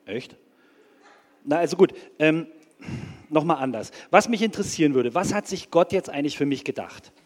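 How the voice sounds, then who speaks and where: An actor playing an anxious, earnest bank clerk who rambles hesitantly as a polite caller in a comedy sketch. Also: male voice, fairly high pitch, animated, normal speed, long reverb tail. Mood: unsure, wistful.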